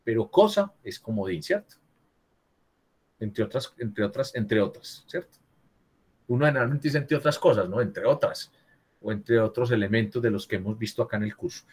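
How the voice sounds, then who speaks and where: Husky male teacher on a video call. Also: fairly low pitch, expressive, normal speed, darkish tone. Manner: corrects students, keeps asking "¿cierto?". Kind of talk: virtual class lesson on writing.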